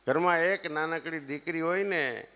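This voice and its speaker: A comedian with a Kathiawadi Gujarati accent spins funny stories live for a seated audience, his volume jumping from loud punchlines down to hushed asides. His voice sits a little high, and his pace is moderate.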